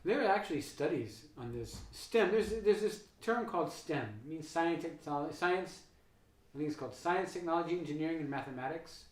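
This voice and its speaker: A man's voice: fairly high pitch, lively intonation, a little fast. A man from the United States hosting a casual talk on economics and religious philosophy, thinking aloud with many fillers and restarts. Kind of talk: casual conversational interview. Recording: echoey room, voice from far off.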